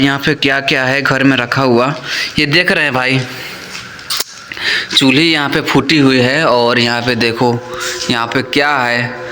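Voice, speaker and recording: A man's voice: fairly high pitch, pushed and bright, slight background noise. A man vlogging a night ghost hunt in an abandoned hut, calling out nervously and pleading with an unseen spirit. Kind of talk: spooky exploration vlog narration.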